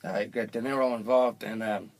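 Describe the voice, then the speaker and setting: A man's voice: normal speed, noisy background. A man hosting a casual comedic podcast, rambling and joking as he drifts between topics. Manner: rambling, jokey, drifts into falsetto bits. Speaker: podcast host.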